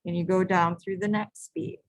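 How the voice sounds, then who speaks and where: A woman's voice: fairly low pitch, steady tone, normal speed, no room sound, rough recording. A woman teaching a beading stitch live, giving patient, repetitive step-by-step instructions and sometimes correcting herself. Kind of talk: step-by-step craft tutorial.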